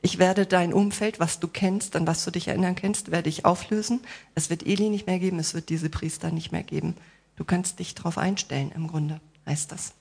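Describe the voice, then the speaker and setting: A woman preaching a sermon, speaking straight to the congregation with rhetorical questions, playful asides and gentle reassurance. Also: fairly low pitch, steady tone, normal speed, creaky, husky.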